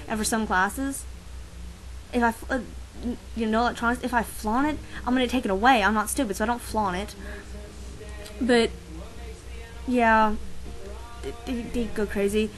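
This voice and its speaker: A woman's voice: a little high, poor audio. A teenage girl talking casually to her camera, rambling and sarcastic, often stopping herself mid-sentence. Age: teens. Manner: sarcastic, rambling, self-interrupting. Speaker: vlogger. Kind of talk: casual ranting vlog.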